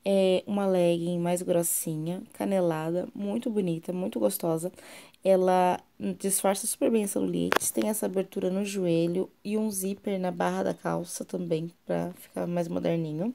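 A woman's voice: on the low side, fairly even intonation, normal speed, creaky, warm tone. A young Brazilian mother with a São Paulo interior accent, chatting playfully and coaxing her little daughter in a casual family vlog. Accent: Brazilian Portuguese, São Paulo interior. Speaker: vlogger, mother.

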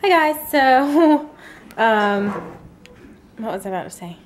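A woman's voice: high voice, lively intonation, slow, slight background noise. A woman talks to her viewers in a loose, chatty vlog. She rambles from one thought to the next, with plenty of fillers along the way. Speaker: vlogger, mother. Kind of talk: casual vlog chat.

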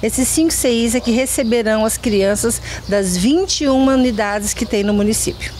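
A middle-aged Brazilian woman who directs an education department gives explanatory answers in an outdoor interview under a covered yard, speaking into a reporter's handheld microphone. Her voice is fairly high and a little mellow, at a moderate pace, with faint outdoor background noise.

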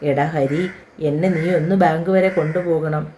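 A woman voicing a gentle, fatherly retired uncle in an audio story, softly apologetic and fond. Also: fairly high pitch, fairly even intonation, normal speed, slight background noise, lightly acted. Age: older.

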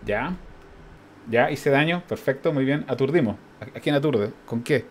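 A man with a Chilean accent giving casual gameplay commentary as a streamer, thinking aloud, counting out loud and chuckling often. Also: mid-range voice, moderate pace, slight background noise.

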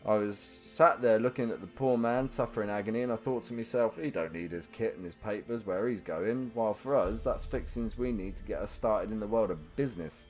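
A man voicing a rough, scheming male thief with a northern English accent, reading out his letter home. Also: on the low side, brisk, hardly any pauses, darkish tone, faint music behind, voice pushed up, lightly acted. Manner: coarse, conspiratorial letter-reading.

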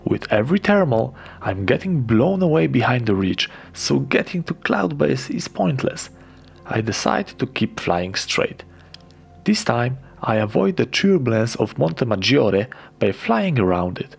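Gravelly, lively man narrating his flight. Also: medium pitch, a little slow, soft background music. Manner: enthusiastic, casual, swears freely. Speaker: paragliding vlogger. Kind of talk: first-person flight commentary voice-over.

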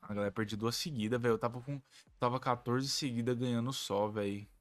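A Brazilian-accented man narrates his own game live at a mid pitch, grumbling and whining in exasperation, full of slang and curses. Faint music plays underneath his voice. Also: steady tone, fairly quick. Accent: Brazilian Portuguese. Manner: exasperated, whiny complaining with slang and swearing. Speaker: gaming channel host. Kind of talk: live gameplay commentary.

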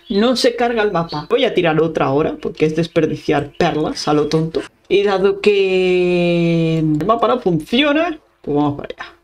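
A young woman from Spain with a Spanish accent, giving chatty, excitable let's-play commentary, talking to her viewers and humming along as she plays. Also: low-pitched. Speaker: gaming YouTuber.

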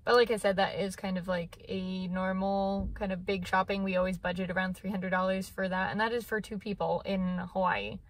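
Sitting in her parked car, a thirties-aged vlogger talks to a phone camera held at arm's length, rambling casually and leaning on lots of fillers. Her mid-range voice keeps a steady tone at normal speed, with hardly any pauses.

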